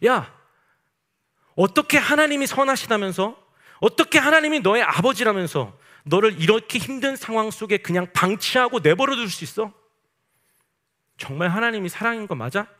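A man's voice: sits high, animated, normal speed, pauses often, bright, forceful tone, pitched above the performer's own voice. A man putting on a sneering devil tempter. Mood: taunting, shrill. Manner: coaxing, sneering. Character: sly taunting male serpent-devil tempter.

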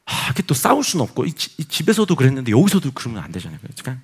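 A man's voice: medium pitch, wildly swooping pitch, very fast, gravelly, husky. A male pastor and missionary telling his story as a sermon testimony, acting out inner voices and quoted people.

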